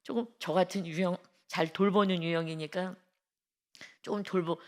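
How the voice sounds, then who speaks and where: A woman pastor giving an early-morning devotional sermon, emphatic, swinging between loud exclamations and hushed asides and tagging phrases with a drawn-out polite ending. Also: on the low side, steady tone.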